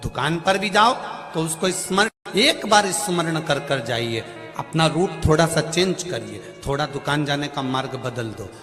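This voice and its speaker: A man preaching a devotional sermon, telling folksy stories in an animated way and acting out the voices in them. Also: fairly high pitch, unhurried. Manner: animated, acts out voices in anecdotes, rises to shouts. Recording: long hall reverb, faint music.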